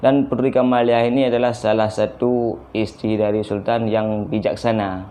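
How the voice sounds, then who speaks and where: A young man from Aceh, casually talking to viewers about a video he just watched, often pausing to search for words. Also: fairly low pitch, flat delivery, warm tone. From Aceh, Indonesia. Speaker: reaction video host.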